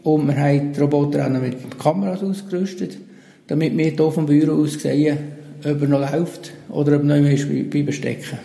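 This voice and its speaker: Swiss german guy explaining solar stuff in an interview, gravelly low-toned voice, echoey room. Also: mellow. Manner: matter-of-fact, explaining technical details. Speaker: solar cooperative manager. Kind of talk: interview answers. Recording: roomy, reverberant room sound.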